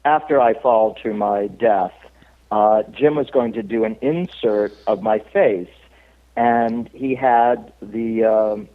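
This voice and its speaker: A male actor, a guest on an interview show, telling stories in relaxed chat, laughing often and stopping on many fillers. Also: lowish voice, takes it slowly. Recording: tinny phone line.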